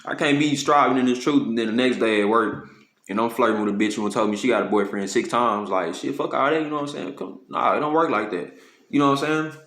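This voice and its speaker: A man preaching informally to a camera in street slang, with profanity, often asking "you know what I'm saying," and slowing down to read scripture. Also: mid-range voice, fairly bright tone, reverberant. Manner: slows to read scripture aloud. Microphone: phone or camera.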